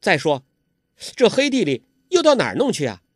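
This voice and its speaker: A man voicing a clever, playful young girl who talks quickly and teasingly. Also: sits high, wildly swooping pitch, husky, no room sound, studio quality, voice pushed up, exaggerated voice.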